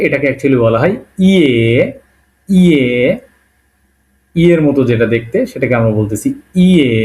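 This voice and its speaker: A patient male teacher walking beginners through an alphabet, one letter at a time. He repeats each sound slowly and keeps checking in with a quick "okay?". English words slip into his explanations now and then. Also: fairly high pitch, dark tone. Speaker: language teacher. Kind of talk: Bengali-language alphabet lesson.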